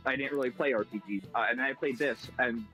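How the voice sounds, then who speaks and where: A man's voice: mid-range voice, quick pace, bright, forceful tone, soft background music, poor audio. A man chatting casually while playing a game, hesitant with many fillers and restarts. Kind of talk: casual gaming chat.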